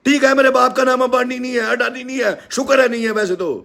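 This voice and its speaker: A man with a Haryanvi accent delivers a heated live-stream rant. His voice sits very high and has a gravelly, creaky edge. He talks loud and scolding throughout. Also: steady tone, quick pace. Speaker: live-stream host and teacher.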